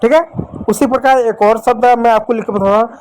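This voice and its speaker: High-pitched Indian man teaching English. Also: fairly even intonation, a little fast, a little mellow, slight background noise, rough recording. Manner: repetitive, asks questions then answers them. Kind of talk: classroom lesson at a board.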